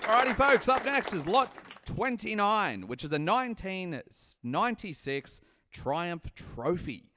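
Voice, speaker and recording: A man's voice: high-pitched, sing-song, a little slow, bright, forceful tone, a little hiss or hum. A man co-hosting a live auction, announcing each lot and its current bid in a reverberant hall. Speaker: auction co-host announcing lots. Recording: reverberant hall with crowd sound.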